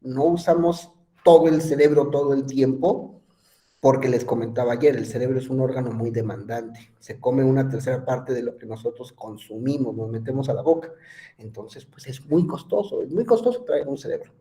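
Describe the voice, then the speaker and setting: A man's voice: mid-range voice, moderate pace, dark tone. A man giving an online psychology lecture, chatty, quizzing his students and using lots of fillers. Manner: conversational, asks students questions, many fillers.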